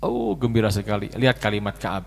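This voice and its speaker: A man preaching a storytelling sermon, moving between loud exclaiming and soft hushed telling, reciting Arabic verses and translating them. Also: on the low side, brisk, vocal fry, big-room sound.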